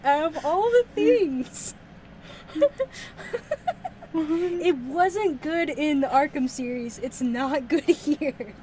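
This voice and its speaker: A woman's voice: high voice, very slow, pauses often, darkish tone, a little hiss or hum. A woman co-hosting a casual podcast, chatty and giggly, with many filler words. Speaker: podcast co-host.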